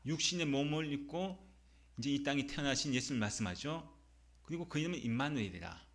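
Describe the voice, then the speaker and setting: A male pastor preaching a Sunday sermon, emphatic, posing rhetorical questions and reading scripture slowly. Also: fairly high pitch, fairly bright tone. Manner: reads scripture slowly and deliberately.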